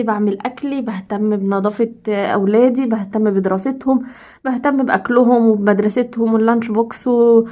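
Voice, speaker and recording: Egyptian woman, quick emphatic advice talk, a bit high-pitched. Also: darkish tone. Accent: Egyptian Arabic. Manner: emphatic, repeats herself for stress. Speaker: home advice vlogger. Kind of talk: casual advice talk to women.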